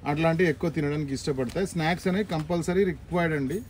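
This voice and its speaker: A man's voice: fairly high pitch, racing, darkish tone. Chatty Telugu-accented young man. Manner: chatty, explanatory, mixes English words into Telugu. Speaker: pet shop guide. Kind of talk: casual shop tour for viewers. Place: pet shop. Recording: faint background noise.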